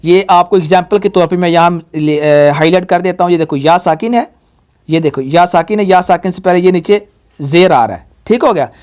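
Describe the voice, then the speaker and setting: A man's voice: high voice, normal speed, darkish tone, smooth. A man teaching Quran reading to a child and to viewers. He drags the letter sounds out in a sing-song way and keeps checking "all right?". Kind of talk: tajweed lesson, call and repeat with a child.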